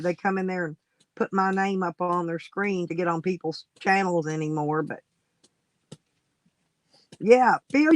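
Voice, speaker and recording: A man's voice: sits high, no room sound, rough recording. A man hosting a casual livestream, rambling and coaxing viewers to come on and chat. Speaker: livestream host.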